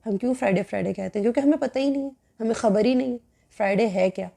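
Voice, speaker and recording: A woman's voice: fairly high pitch, creaky, warm tone. A woman Quran teacher giving a religious lecture in an earnest, admonishing way, repeating phrases for emphasis and mixing in English words. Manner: mixes English words into her talk.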